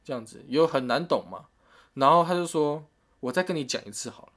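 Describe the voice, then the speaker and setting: Fast-talking man. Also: on the high side. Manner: animated retelling with quoted voices and laughs. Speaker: storyteller in a chat. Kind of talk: casual chat.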